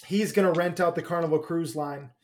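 A man co-hosting a podcast in casual chat, joking, laughing easily and filling pauses with "um". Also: fairly high pitch, steady tone, a little mellow. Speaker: podcast co-host.

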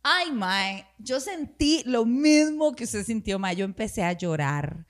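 A woman in her thirties with a Costa Rican accent, telling a story in casual chat, animated and swearing freely. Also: a little high, a little slow. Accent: Costa Rican Spanish.

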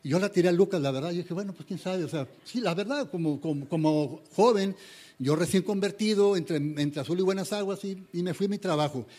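Pastor mexicano de voz algo aguda. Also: male voice, sits high, brisk, warm tone. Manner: earnest, conversational preaching with frequent restarts and stumbles. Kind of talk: sermon.

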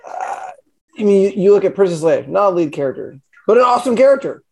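A man's voice: sits high, sing-song, fast, creaky. A man co-hosting a podcast in casual chat, rambling with many fillers and restarts. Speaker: podcast co-host.

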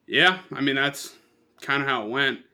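Bright, profane young man telling stories. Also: mid-range voice, lively intonation, moderate pace, smooth. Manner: profane, rambling, laughs at own stories. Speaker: podcast co-host. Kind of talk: casual storytelling chat.

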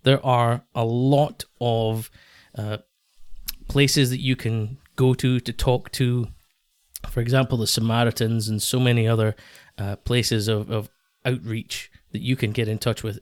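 A man hosting a podcast in casual talk, earnest and a little halting, often repeating his phrases. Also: medium pitch, smooth, no room sound, studio quality. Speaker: podcast host.

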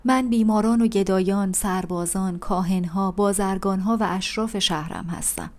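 A faint, fading mother speaks softly from beneath the ruins, calm and tender as her strength runs out, voiced by a woman reading an audiobook. Her voice sits in an even middle register, solemn rather than frightened. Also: mid-range voice, natural voice. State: voice growing weak. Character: dying mother trapped under rubble, calm and tender.

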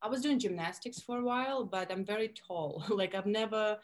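A woman in her thirties speaks English with a Russian accent. Her voice sits at a middle pitch, and she tells her stories in an animated, chatty way full of fillers and restarts. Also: normal speed. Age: 30s. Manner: animated storytelling with many fillers. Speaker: guest. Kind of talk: casual interview chat.

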